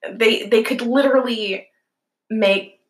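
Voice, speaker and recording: A woman's voice: on the high side, takes it slowly. A young woman talking as a podcast guest, casual and sarcastic, telling wry stories. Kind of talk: casual chat. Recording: roomy echo.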